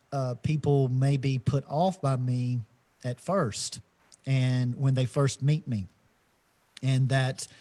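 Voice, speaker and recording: Slow and reflective, this podcast co-host is a middle-aged man in a casual spiritual conversation, often restarting and using many fillers. He has a medium pitch and a dark tone.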